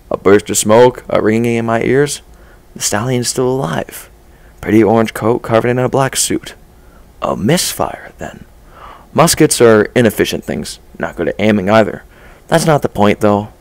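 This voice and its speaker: A man reading a dark first-person story aloud in a measured, low-key way. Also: vocal fry, no echo. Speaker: story reader. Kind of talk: first-person fan-fiction narration.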